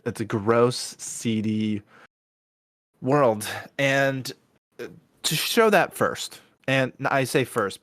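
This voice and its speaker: Low-voiced guy cohosting a podcast, rambly, lots of uh and like, dry close mic. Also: fairly bright tone, dry recording. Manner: rambling, many restarts and fillers. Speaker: podcast co-host. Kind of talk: casual podcast chat.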